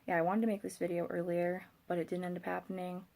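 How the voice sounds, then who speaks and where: Tired young woman with a creaky, low-pitched voice. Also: little pitch movement, fast talker, warm tone. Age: young adult. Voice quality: slightly thick-tongued speech from a swollen tongue. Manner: hesitant, rambling, frequent "like". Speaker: vlogger. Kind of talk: casual chat to camera.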